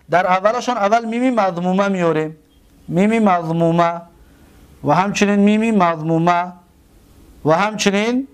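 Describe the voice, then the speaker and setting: A man with a Tajik accent teaching a grammar lesson, repeating key terms slowly and asking his students rhetorical questions. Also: sits high, clear, resonant tone. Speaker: religious school teacher.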